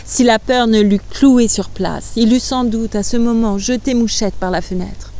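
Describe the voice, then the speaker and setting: A woman narrating a classic novel aloud with measured, expressive delivery. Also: fairly high pitch, slight background noise. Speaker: reader. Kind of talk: literary reading aloud.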